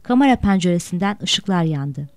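A woman narrating a novel in a steady, measured reading voice. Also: lowish voice, no room sound. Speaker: audiobook narrator. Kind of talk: storybook narration.

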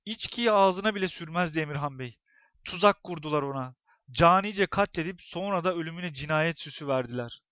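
A man's voice: a little high, normal speed, no echo, dull audio, lightly acted. A man voicing a grim, unhinged middle-aged woman neighbor in a spoken story, with theatrical, ominous delivery. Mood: furious. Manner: theatrical, ominous, rising to shouts.

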